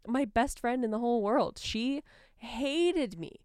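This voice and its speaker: Sultry woman with vocal fry. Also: a little high, animated, unhurried, no room sound, studio quality. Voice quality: soft, sultry voice. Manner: frank, not bubbly. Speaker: podcast co-host. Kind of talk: casual chat.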